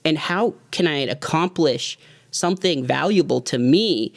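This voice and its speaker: A music producer in his thirties talks earnestly and from the heart to his viewers in a loose, rambling, reflective motivational vlog. His voice is a little high and expressive, with vocal fry and a measured pace. The recording is dry.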